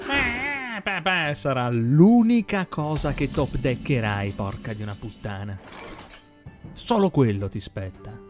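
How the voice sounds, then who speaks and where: A man's voice: medium pitch, animated, a little slow. A man in his thirties giving casual live gameplay commentary, muttering, exclaiming and swearing freely into a close desk mic. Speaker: game streamer. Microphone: desk microphone close to mouth. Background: game music and sound effects.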